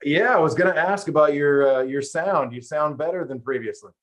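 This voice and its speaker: A middle-aged podcast host talks briskly in a voice on the high side. He keeps the interview chat casual, rambling into playful stories along the way.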